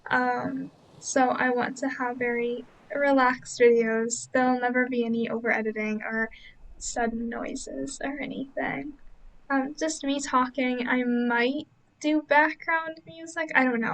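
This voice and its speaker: Young woman, book vlogger voice-over; high-pitched, some fry, relaxed rambling chat full of "um" and "like". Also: poor audio. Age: young adult. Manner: rambling, many fillers and hedges.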